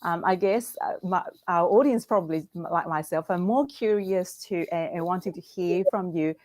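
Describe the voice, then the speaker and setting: A middle-aged woman hosts a live online Q&A over a video call, her voice sitting a little low. She speaks hesitantly, with frequent fillers and restarts, and the sound is dry and close. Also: normal speed, a little mellow, dry recording. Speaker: brand founder and host.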